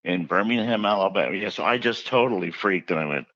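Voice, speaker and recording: A man's voice: low voice, expressive, fast, fairly bright tone, no echo, dull audio. A man being interviewed about his book, telling chatty anecdotes and acting out the quotes. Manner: chatty anecdotal storyteller who acts out quotes. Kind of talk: casual interview storytelling.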